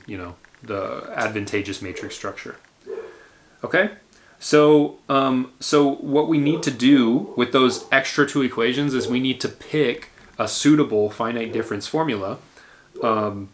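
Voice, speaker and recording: Gravelly-voiced man giving a university lecture. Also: fairly low pitch, fairly bright tone. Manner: explains step by step with many fillers and restarts. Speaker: engineering lecturer.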